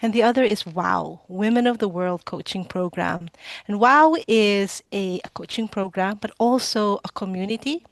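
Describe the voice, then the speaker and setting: A woman's voice: mid-range voice, moderate pace, no echo. Woman founder introducing herself, dry sound. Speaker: founder on a panel. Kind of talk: panel self-introduction.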